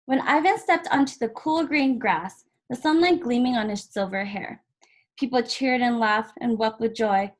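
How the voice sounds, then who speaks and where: A woman volunteering as a story reader shares a picture book with children in a fairly high voice. The reading comes in short, measured pieces, each followed by a small pause.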